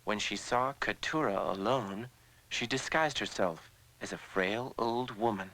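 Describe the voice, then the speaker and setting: A man narrating a scripted fairy tale as a measured storyteller. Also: fairly low pitch, fairly bright tone, poor audio.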